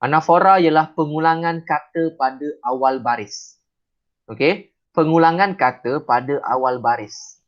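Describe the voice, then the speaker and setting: Malay teacher saying "okey" a lot, lo-fi. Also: male voice, fairly high pitch. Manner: chatty, repeats "okey" and "ha", recites verse lines slowly. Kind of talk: classroom lesson.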